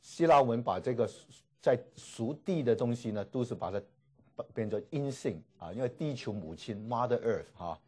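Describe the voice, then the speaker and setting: A man teaching a classroom lecture, repeating each word slowly and filling pauses with drawn-out particles. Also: medium pitch, expressive, mellow, husky. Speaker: Greek language teacher. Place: classroom with students.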